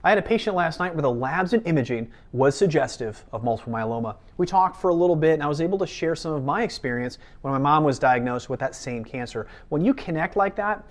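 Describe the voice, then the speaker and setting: Male ER doctor host, earnest and coaching, pitched a touch high. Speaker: ER doctor reviewing a TV medical drama. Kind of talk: reaction commentary.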